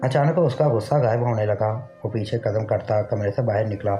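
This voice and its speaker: Man narrating a sad story, mellow. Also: fairly low pitch, steady tone, moderate pace, faint music behind. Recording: dull lo-fi recording.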